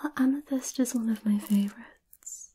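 A woman doing a whispered role-play as a gentle, caring witch, soothing and a little hesitant, close to the microphone. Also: a little high, moderate pace. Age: 20s. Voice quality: breathy whisper. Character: gentle, caring centuries-old witch offering potions. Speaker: ASMR performer. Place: small candlelit indoor room.

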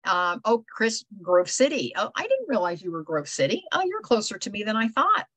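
A woman's voice: mid-range voice, huge pitch swings, normal speed, a bit bright, dry recording, poor audio. An older woman, hosting a casual video call meetup, chatty and rambling with lots of fillers. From Ohio. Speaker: host. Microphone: video call microphone.

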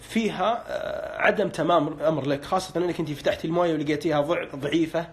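A man's voice: fairly high pitch, steady tone, fast talker, slightly rough. A man on a live broadcast, interpreting dreams and asking callers short questions, with a pious, hedging way of speaking. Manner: hedging with religious phrases.

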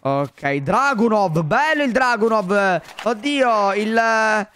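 A young man commenting on a video game for his viewers, excitable and full of exclamations. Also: sits high, slow, a little hiss or hum. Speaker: gaming YouTuber. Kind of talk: Let's Play commentary.

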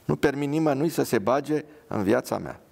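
A man's voice: mid-range voice, lively intonation, gravelly, a little mellow, pitched above the performer's own voice. A man voicing a bitter, paralysed young soldier who speaks angrily and sarcastically. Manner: angry, sarcastic.

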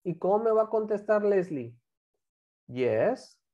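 A woman, an English teacher giving a class to children, repeating example phrases slowly and quizzing her students. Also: mid-range voice, sing-song, mellow, muffled recording. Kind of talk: online class teaching English grammar to kids.

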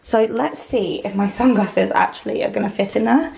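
A woman's voice: mid-range voice, moderate pace, creaky, darkish tone, a little hiss or hum. A young woman in her twenties chatting enthusiastically to camera in a casual vlog. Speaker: lifestyle vlogger. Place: bedroom walk-in wardrobe, indoors. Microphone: camera on a stand, close. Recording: roomy echo.

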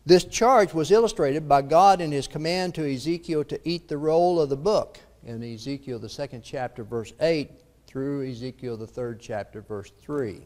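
Preacher reading scripture in a reverberant hall. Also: male voice, a little high, normal speed, a little mellow. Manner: reads scripture aloud with rising emphasis, then explains with fillers. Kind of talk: sermon lesson reading scripture. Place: church auditorium. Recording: long reverb of a church hall.

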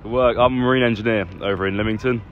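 A young man of eighteen answers casually and quickly, his low voice plain and matter-of-fact. The outdoor recording sounds a little dull, with clear noise behind him. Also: fairly even intonation. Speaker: marine engineer. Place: outdoor waterfront.

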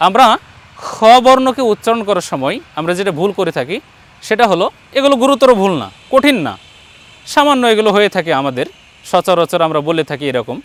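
Speaking in a high, sing-song, brisk voice, a man gives a one-on-one Quran recitation lesson. He patiently models each letter sound and encourages his student on pronunciation.

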